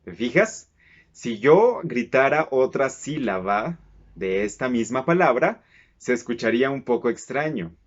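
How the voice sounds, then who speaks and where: A man's voice: medium pitch, big pitch swings, measured pace, lo-fi sound. Man teaching in a friendly explainer voice. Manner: friendly, explanatory, stretches words out syllable by syllable. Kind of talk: casual explainer lesson.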